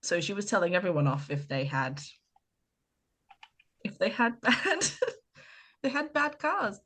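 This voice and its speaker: A woman from Ireland co-hosting a casual chat podcast, retelling scenes with lively quoted voices. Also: mid-range voice, a little slow. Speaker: podcast co-host.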